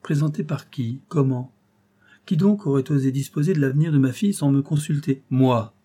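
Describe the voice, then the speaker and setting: A man's voice: mid-range voice, moderate pace, warm tone, breathy edge, voice pushed up, close to an everyday voice. Man doing an enraged guilt-torn count. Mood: furious. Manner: vehement, anguished, bitter.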